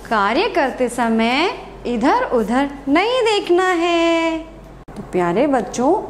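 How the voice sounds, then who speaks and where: A woman's voice: high-pitched, roomy sound, a little hiss or hum. A woman from India teaching a Hindi lesson to young children, asking questions and answering them herself. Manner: asks and answers her own questions, drawn-out. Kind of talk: slow kindergarten lesson.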